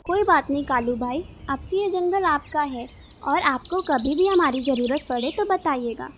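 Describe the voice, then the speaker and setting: A woman's voice: sits high, animated, normal speed, a little hiss or hum. A woman voicing a kind male pigeon neighbor in a cartoon, welcoming and courteous. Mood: friendly.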